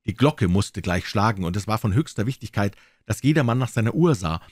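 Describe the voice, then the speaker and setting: A man reading a classic story aloud in a theatrical, lively storytelling manner. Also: on the low side, a little fast, no room sound, studio quality. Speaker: audiobook reader. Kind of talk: scripted story narration.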